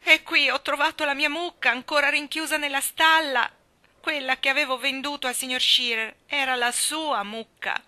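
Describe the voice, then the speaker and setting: A woman's voice: high voice, steady tone, moderate pace, sharp tone, no echo, pitched above the performer's own voice. A woman voicing an impulsive, earnest teenage girl who talks eagerly and pleads. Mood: pleading. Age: teens.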